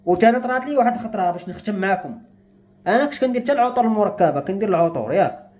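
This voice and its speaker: A man's voice: high-pitched, expressive, very fast, a little mellow. A young man with a Moroccan Arabic accent, speaking to camera in an agitated, despairing rant. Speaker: vlogger. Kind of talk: emotional monologue to camera.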